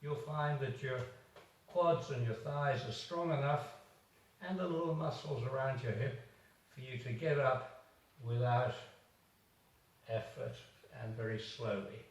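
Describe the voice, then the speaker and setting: A man, a doctor, slowly coaching home exercises while demonstrating them, a little out of breath. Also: mid-range voice, steady tone. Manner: slow, encouraging, demonstrating while talking. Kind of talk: instructional exercise video. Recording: echoey room, far from the mic.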